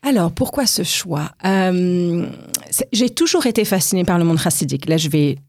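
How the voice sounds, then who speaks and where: A woman's voice: on the low side, lively intonation, moderate pace, darkish tone. A woman from France answering radio interview questions, thoughtful and hesitant, with many fillers and restarts. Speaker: guest researcher.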